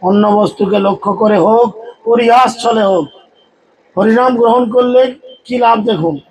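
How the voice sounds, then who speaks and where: A man preaching a devotional sermon to a gathering, exhorting and joking with his listeners and leading them in loud chants. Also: high-pitched, unhurried, poor audio. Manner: exhorting, humorous, leads crowd in loud chants.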